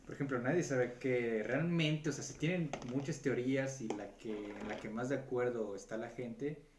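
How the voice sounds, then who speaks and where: A man's voice: mid-range voice, normal speed. A man telling a story in casual, rambling chat, full of slang and filler words. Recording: roomy echo with faint background noise.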